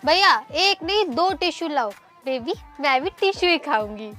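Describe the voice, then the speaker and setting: A clingy young girlfriend, acted by a woman in a comedy sketch. Her sugary voice is high and bounces lively up and down. Music plays clearly behind her. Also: moderate pace. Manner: sugary, copying her partner.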